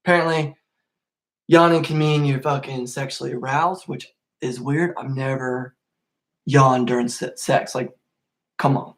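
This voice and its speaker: A young man hosting a casual solo podcast, rambling and swearing a lot, getting worked up and then calming down. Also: mid-range voice, measured pace, pauses often. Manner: rambling, profane, easily worked up. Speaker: podcast host.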